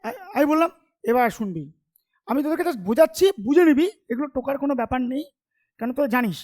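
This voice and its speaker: A man's voice: very high voice, animated, a little mellow. A male commerce tutor giving an informal classroom lecture, talking to students in a familiar, teasing way and often asking if they follow. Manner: chatty, keeps checking understanding with quick questions.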